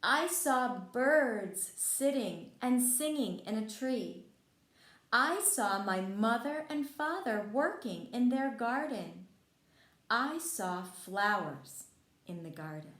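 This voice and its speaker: A woman's voice: fairly high pitch, expressive, slow, fairly bright tone, pitched above the performer's own voice. Woman as friendly storybook frog, echoey room. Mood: bright, happy.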